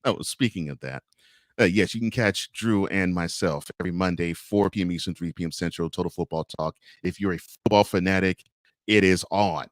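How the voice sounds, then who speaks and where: A man's voice: deep voice, normal speed, dry recording, clean studio sound. A man hosting a live morning variety show, chatting casually, reading out viewer comments with frequent laughs. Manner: chatty, laughs often, repeats plugs.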